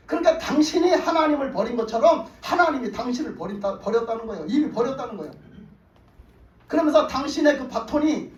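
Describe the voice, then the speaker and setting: A woman pastor preaching a sermon, retelling a story with lively asides and questions to the congregation. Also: a little high. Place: church sanctuary. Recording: roomy hall, distant mic.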